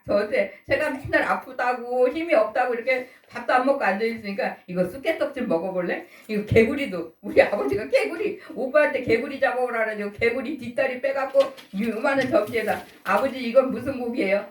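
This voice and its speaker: A woman in her sixties preaching a sermon, telling homely family stories and laughing often. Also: a little high. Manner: folksy storytelling, laughing often. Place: church. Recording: echoey church hall from far off.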